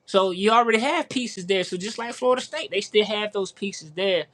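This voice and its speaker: A man's voice: high-pitched, normal speed, a bit bright. A male podcast co-host in casual sports chat, talking in a rambling way with many repeats and fillers.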